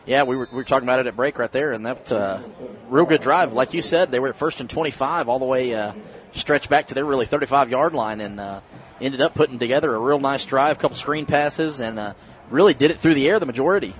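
A man's voice: mid-range voice, fast talker. An American man giving conversational color commentary and analysis during a live football broadcast.

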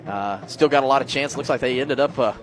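A man's voice: mid-range voice, brisk. A man giving color commentary on a football broadcast, breaking down plays in a casual, filler-laden way. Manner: conversational, explains blocking schemes, many fillers.

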